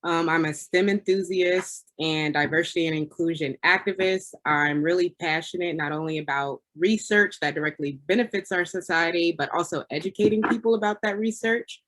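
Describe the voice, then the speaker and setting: A woman's voice: fairly low pitch, moderate pace, hardly any pauses, fairly bright tone. Woman, earnest, frequent ums, self-introduction, video call, doctoral student. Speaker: chemistry doctoral student, panelist.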